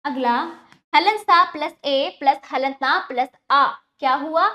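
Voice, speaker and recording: A woman teaching a grammar lesson to children, patiently asking questions and then answering them, spelling words out slowly. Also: high-pitched, lo-fi sound. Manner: slows down and stresses each word when spelling examples.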